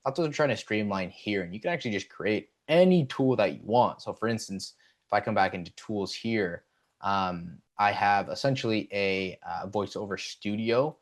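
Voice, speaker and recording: A man hosting a casual software tutorial. He talks in a relaxed way and uses plenty of "um"s. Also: fairly low pitch, normal speed. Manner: relaxed, with frequent fillers. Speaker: tutorial host. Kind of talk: casual screen-recording tutorial.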